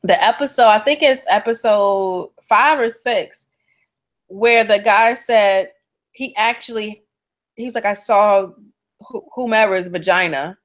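A woman's voice: medium pitch, unhurried. A woman co-hosting a podcast, chatting casually and backing her partner with frequent agreement. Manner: relaxed, backchannels with frequent mm-hmms. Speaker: podcast co-host. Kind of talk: casual chat.

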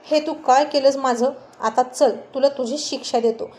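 A woman voicing a hot-tempered young man, warm-toned. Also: sits high, fairly even intonation, moderate pace, natural voice. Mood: annoyed. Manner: irritated, scolding.

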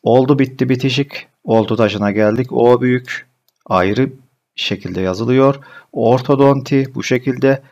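A man teaching a spelling lesson, briskly correcting common misspellings word by word. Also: medium pitch, a little mellow, highs cut off. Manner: addresses students as friends, brisk corrective explanations.

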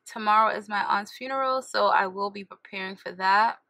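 This woman in her thirties does a casual vlog chat from a car's passenger seat, filming on an arm's-length camera and frequently correcting herself. Her mid-range voice is bright and forceful, running a little fast. The recording is dry.

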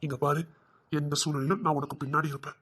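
Man as a caring young man, reassuring, husky, quick. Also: fairly high pitch, little pitch movement. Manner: gentle, reassuring.

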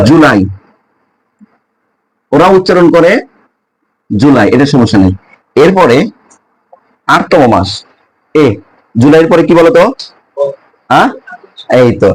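A man teaches a pronunciation lesson on English month names to his students. He asks them question after question and repeats each word slowly. His voice sits a bit higher than most men's. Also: low-quality recording. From Bangladesh.

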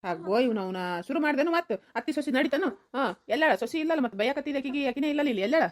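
A woman's voice: high-pitched, lively intonation, quick pace, dry recording, clean studio sound. A woman voicing an exasperated old grandfather who chides his wife, with a North Karnataka Kannada accent. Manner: exasperated, chiding.

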